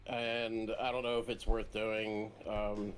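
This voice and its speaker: A man playing a tabletop game, thinking out loud with hesitations. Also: fairly low pitch, flat delivery, poor audio. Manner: hesitant, halting. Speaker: player.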